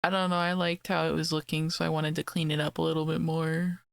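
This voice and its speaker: A young woman streamer with a raspy voice from being sick, chatting casually and laid-back while she draws. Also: deep voice, flat delivery, quick pace, no room sound. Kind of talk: casual chat while drawing.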